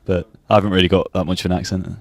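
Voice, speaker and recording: A man's voice: sits low, level tone, very fast. A young man from Lincolnshire, talking plainly and matter-of-factly in an interview. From Lincolnshire, England. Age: young adult. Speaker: university student, torch relay participant. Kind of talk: casual interview chat.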